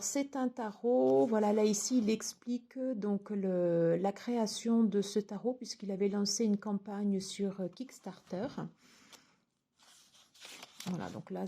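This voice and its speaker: A woman's voice: medium pitch, steady tone, measured pace, mellow, slight background noise. A woman casually reviewing a tarot deck and its guidebook, chatty, with many fillers and restarts.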